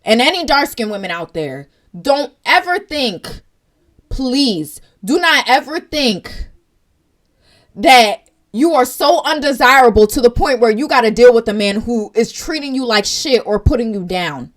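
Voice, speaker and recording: A woman's voice: on the high side, animated, unhurried. A young woman vlogging, giving emotional, emphatic commentary to her viewers. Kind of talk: casual commentary vlog.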